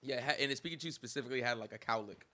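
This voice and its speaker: Young man, podcast host, bright clear tone, casual chat, frequent laughter. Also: medium pitch, very fast. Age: young adult. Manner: laughing, joking, trailing off.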